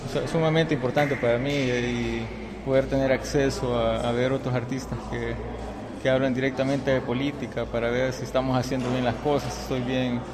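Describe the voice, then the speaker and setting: A man from El Salvador with a Salvadoran Spanish accent, an artist speaking earnestly and haltingly. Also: medium pitch, little pitch movement. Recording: clear background noise.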